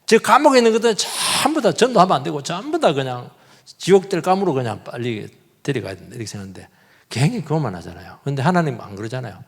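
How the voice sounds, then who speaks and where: A middle-aged male pastor, preaching an animated sermon and swinging between loud outbursts and hushed asides. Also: fairly high pitch, fast, breathy edge. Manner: animated, acts out quoted voices, shifts between loud and hushed. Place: church sanctuary. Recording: long church reverb.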